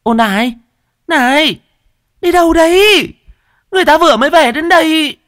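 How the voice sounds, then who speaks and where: A man voicing an angry young wife who scolds in a shrill falsetto. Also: expressive, moderate pace, a bit bright, no echo, studio quality. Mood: calling out.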